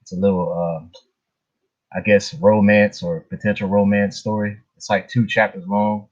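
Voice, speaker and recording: Chuckling between comments, a livestream host chats loosely with his audience in a lowish, level voice at normal speed. Sound is muffled and dull, typical lo-fi stream audio.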